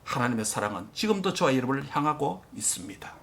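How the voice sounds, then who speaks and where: A male pastor preaching a sermon with impassioned emphasis, addressing the congregation directly and dropping at times to a hushed near-whisper. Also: mid-range voice, very animated, fast, gravelly, slight background noise.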